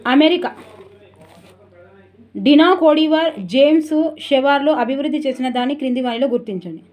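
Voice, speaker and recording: High pitched lady teacher rattling thru revision notes, chatty asides. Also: a little mellow. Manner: brisk and chatty, asides to viewers. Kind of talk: exam revision lesson.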